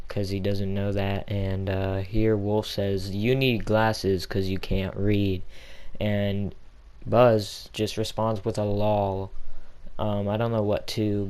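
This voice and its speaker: A man with a fairly low voice reads through a chat log at an unhurried pace. His commentary is rambling and bemused, broken up with frequent fillers. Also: darkish tone, clear, resonant tone.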